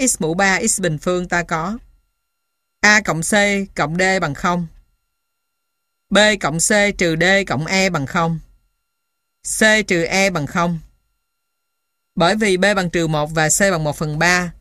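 A woman reading scripted material as dictation, piece by piece, in a measured, matter-of-fact way, like an instructor. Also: fairly low pitch, fairly bright tone, dry recording, clean studio sound. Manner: dictating symbols and punctuation one piece at a time. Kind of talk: scripted dictation of maths formulas.

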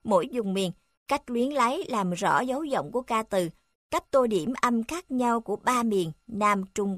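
A woman reading a textbook aloud in an even, formal manner, speaking the section headings too. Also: medium pitch, dry recording.

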